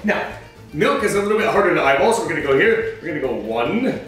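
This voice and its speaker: A man with a high voice that swings up and down hosts a playful cooking demo, joking and explaining as he works. He sounds set back from the camera in a home kitchen with strong echo. Faint music plays under him. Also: big pitch swings, fast, fairly bright tone, far from the mic. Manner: chatty, joking, explains steps as he cooks. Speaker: cosplay cooking host. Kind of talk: comedic cooking demonstration in costume. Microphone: far camera.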